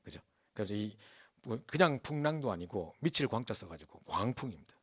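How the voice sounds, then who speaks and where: A male pastor preaching a sermon. He tells stories in an animated way and keeps asking the congregation to agree with him. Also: lowish voice, brisk, slightly rough, no echo. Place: church.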